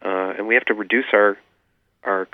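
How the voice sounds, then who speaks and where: A man's voice: fairly low pitch, steady tone, normal speed, no room sound. A man, an author being interviewed, explaining his views earnestly and with many fillers. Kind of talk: remote radio interview. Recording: tinny phone line.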